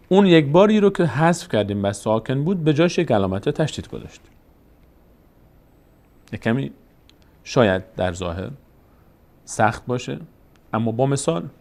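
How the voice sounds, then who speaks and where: A man's voice: mid-range voice, gravelly, darkish tone. A man with a Tajik Persian accent teaching Quranic reading signs step by step, patient and explanatory, often asking and answering his own questions.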